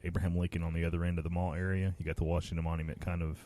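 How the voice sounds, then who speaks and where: A man's voice: low voice, little pitch movement, rapid-fire, dark tone. A man in a casual podcast chat, laid-back, explaining things at an easy pace.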